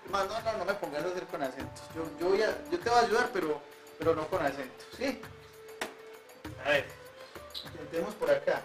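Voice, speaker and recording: A man delivers comic, emphatic banter in a high voice. He protests loudly, then slips into explaining math. Light music plays behind him. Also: lively intonation, fairly quick, pauses often. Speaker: guest in a comic math segment.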